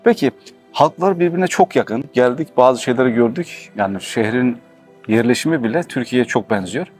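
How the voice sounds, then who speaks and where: A man with a husky voice, asking questions as interviewer in a casual street interview. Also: medium pitch, lively intonation, normal speed, faint music behind.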